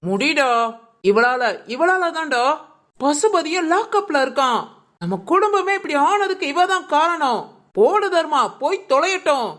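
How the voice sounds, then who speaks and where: A harsh village mother-in-law, scolding, domineering, fairly high voice. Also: lively intonation, measured pace, a bit bright. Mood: furious scolding.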